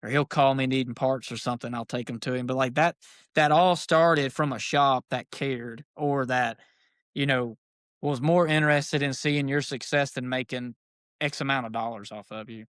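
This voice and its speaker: A man, an archery shop owner, telling stories as a podcast guest in a folksy, animated way. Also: mid-range voice, moderate pace, no room sound, clean studio sound. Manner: animated, folksy, says "dude" a lot. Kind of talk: casual storytelling chat.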